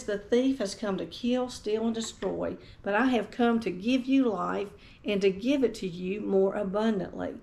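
A woman's voice: on the high side, darkish tone. Earnest woman preaching a sermon. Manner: earnest, reads scripture aloud and tells a personal testimony. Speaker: pastor.

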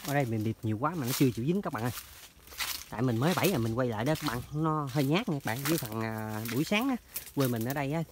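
A man talks casually to viewers of his vlog while he walks and wades through rural orchards and canal banks. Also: mid-range voice. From southern Vietnam. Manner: chatty, addresses viewers constantly. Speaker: trapping vlogger. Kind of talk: casual outdoor vlog narration. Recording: noisy outdoor field recording.

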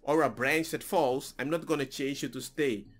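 Soft music plays behind a man in his forties with a mid-range voice and moderate pace. Hosting a reaction vlog from a small room at home, the native Papiamento speaker muses in a casual, reflective monologue over a headset, with restarts and slips along the way.

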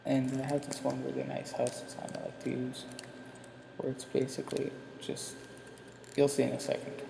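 A young gaming YouTuber rambles through informal, self-deprecating gameplay commentary, his retainer giving him a slight speech impediment. His medium-pitched, gravelly voice stays completely flat at a normal speed. The sound is roomy and echoing, with music behind him and background noise.

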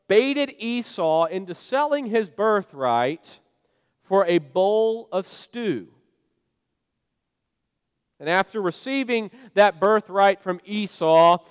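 Preaching in a church sanctuary, a pastor tells his sermon conversationally like a story, often using fillers. His voice is high, clear and resonant, with a long churchy reverb on the recording.

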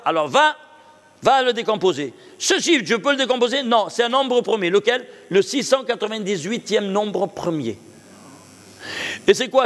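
High-voiced rabbi quizzing his class. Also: a bit bright. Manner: asks questions and answers them himself; checks understanding with the audience. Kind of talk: Torah lesson on numerology. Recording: long reverb of a hall.

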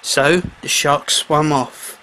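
Gentle storybook narrator, mid pitch. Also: fairly even intonation, slow pace, slight background noise. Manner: simple, gentle storybook telling. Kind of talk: children's story narration for shadow puppets.

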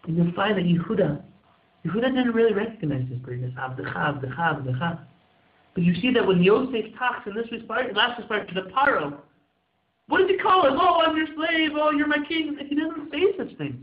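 A man's voice: sits high, sing-song, fairly quick. A man, a rabbi giving an earnest motivational Torah sermon, exhorting listeners with rhetorical questions and repeated phrases. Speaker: rabbi, religious teacher. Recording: echoey room, phone-like muffled audio.

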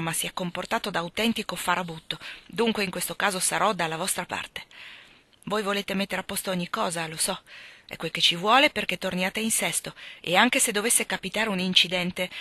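A woman voicing a blunt, hearty young gentleman who talks loudly and forcefully. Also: medium pitch, no room sound. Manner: forceful, shouting, blustering.

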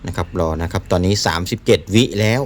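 A man's voice: low-pitched, fast. A man giving a casual product demonstration as a seller. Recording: faint background noise.

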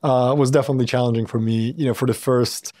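A man's voice: medium pitch, steady tone, fast talker, warm tone, dry recording. Polish-born man, dry studio sound. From Poland. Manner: thoughtful, many fillers and restarts. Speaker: startup founder and CEO, guest. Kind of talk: casual interview talk. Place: podcast studio with a couch. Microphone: studio mic on a boom arm.

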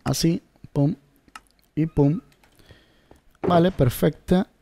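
A man's voice: fairly high pitch, very slow, creaky, dark tone. A man giving casual gameplay commentary, talking straight to his viewers and searching aloud for words. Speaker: gameplay video creator.

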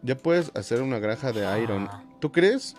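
A man's voice: medium pitch, lively intonation, moderate pace, darkish tone. A man with a Mexican accent chatting casually and joking with his viewers while he plays, swearing freely. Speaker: game streamer. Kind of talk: casual live-stream chat while playing. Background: game music.

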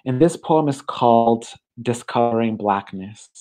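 A poet from Mexico reading their work at a live online reading, excited and laughing between poems and slipping into Spanish phrases. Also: mid-range voice, unhurried, rough recording. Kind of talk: poetry reading.

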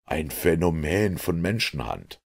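A man reads an adventure story aloud in a low, husky voice. His delivery is dramatic and expressive, with a lot of rise and fall in his intonation. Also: measured pace. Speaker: audiobook narrator. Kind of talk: dramatic audiobook narration.

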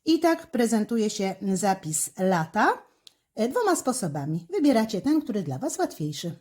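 A woman teacher giving a handwriting lesson, slowly and carefully talking through each stroke as she writes, with fillers between steps. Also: mid-range voice, sing-song, dark tone. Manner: slow, careful, instructive, with fillers. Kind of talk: handwriting lesson with step-by-step commentary.

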